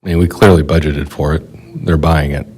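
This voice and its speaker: A man with a very low voice chairs a village board meeting. He reads the rules aloud at a brisk clip and drops in quick asides between items. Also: steady tone, darkish tone, husky, poor audio.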